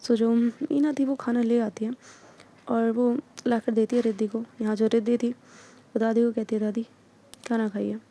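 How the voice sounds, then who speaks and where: A woman's voice: on the high side, flat delivery, normal speed, dark tone. A woman narrating an audio story casually, often slipping English filler words into her telling.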